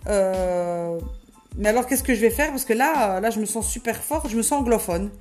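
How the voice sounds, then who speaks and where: A woman's voice: medium pitch, normal speed, darkish tone, natural voice. A woman voicing an eager female learner who thinks aloud with hesitations, with faint music behind.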